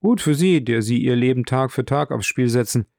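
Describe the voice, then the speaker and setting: An effusive nobleman in his thirties, as a male narrator puts him on, exclaiming with a raised, lively voice. The audiobook sound is close and dry. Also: medium pitch, moderate pace, creaky, no echo. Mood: emphatic. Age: 30s. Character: elegant noble around thirty, emphatic, effusive.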